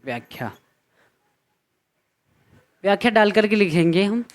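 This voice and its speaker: A man teaching a poem to students, reciting verse slowly and then explaining it line by line, repeating phrases as he goes. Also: high-pitched, lively intonation.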